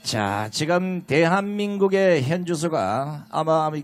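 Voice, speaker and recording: A man emceeing an outdoor political rally, shouting with crude, indignant fervor. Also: a little high, expressive, slow, soft background music. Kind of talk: fiery political rally speech. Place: outdoor rally in a station square.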